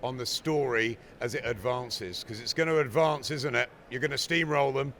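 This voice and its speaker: A man's voice: mid-range voice, normal speed, fairly bright tone. A man hosting a casual sports interview, putting short prompting questions to a guest. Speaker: sports radio host, interviewer.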